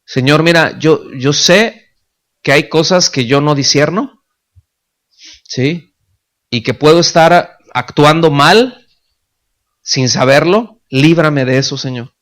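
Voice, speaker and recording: A male pastor delivers a sermon in a chatty, conversational way. He keeps checking in with his listeners. His voice sits a little higher than most men's. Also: slow, pauses often, a bit bright. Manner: conversational preaching, constant checks with the audience.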